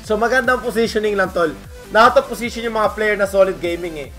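A Filipino man casting a mobile esports final, mixing Tagalog and English and bursting into shouts at big plays. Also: sits high, a little fast, soft background music. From Philippines. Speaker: esports caster. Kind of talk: excited play-by-play commentary.

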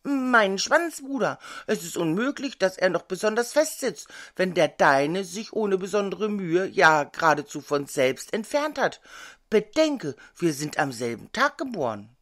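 A woman's voice: mid-range voice, sing-song, unhurried, a bit bright. A woman voicing an eager, impatient young male tadpole in a storybook reading.

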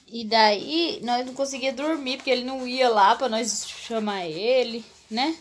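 High-voiced young Brazilian vlogger woman. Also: normal speed, a little hiss or hum. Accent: Brazilian Portuguese. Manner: chatty, addressing viewers as "gente". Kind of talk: casual vlog chat.

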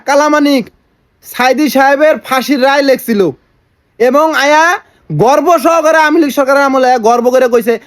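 A man, ranting with scorn and mockery in a political vlog. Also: high-pitched. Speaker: vlogger. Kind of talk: angry political rant to camera.

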